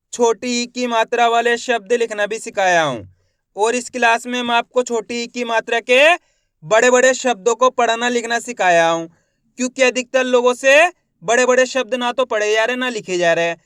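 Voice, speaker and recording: High, clear-voiced male reading teacher. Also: fairly bright tone, no room sound, clean studio sound. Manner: repeats questions and answers them himself, drawing out syllables slowly. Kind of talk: online reading lesson.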